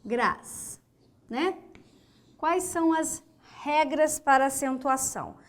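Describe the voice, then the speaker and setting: A woman's voice: sits high, lively intonation, slow pace. A woman teaching grammar with a Brazilian Portuguese accent, counting syllables aloud and checking in with her students as she goes. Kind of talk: recorded online grammar lesson at a board. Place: lesson studio with a whiteboard.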